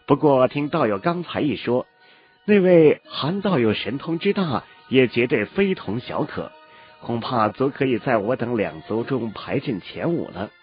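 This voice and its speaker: A man's voice: medium pitch, animated, unhurried, lightly acted. A man voicing a graceful, courteous older woman cultivator in a storybook reading. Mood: gracious. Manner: courteous, coy. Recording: lo-fi with faint music.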